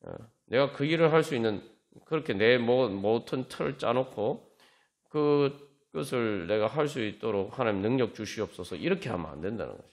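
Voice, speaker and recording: A man preaching at a church prayer meeting in an easy, conversational way. His pitch rises and falls a lot as he acts out little sample prayers, his voice sitting at an ordinary middle height. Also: lively intonation, normal speed. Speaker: pastor. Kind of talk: sermon at a Friday prayer meeting.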